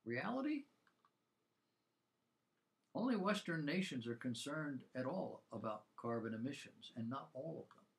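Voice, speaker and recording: A man's voice: fairly high pitch, fairly bright tone. Man presenting scripted Bible commentary. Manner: rhetorical questions, emphatic delivery.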